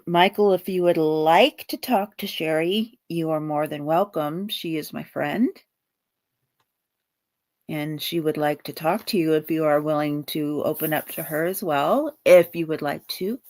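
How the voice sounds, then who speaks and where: A woman hosting a live psychic reading, talking in a halting way and searching for words. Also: sits low, a little mellow. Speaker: psychic medium host.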